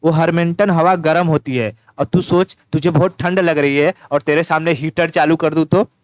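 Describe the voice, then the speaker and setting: A man gives an informal exam-prep lesson, pitched a little higher than most and sounding clear and resonant. He teases the listener and repeats key terms over and over. The recording is close and dry, with no room sound. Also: fairly even intonation, moderate pace, no room sound. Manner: teasing, repetitive, addresses listener as "tu". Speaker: teacher.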